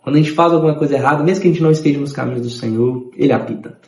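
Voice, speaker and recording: A man, telling his conversion testimony in an animated way and acting out the voices of others. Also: mid-range voice, rapid-fire, roomy sound. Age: 30s.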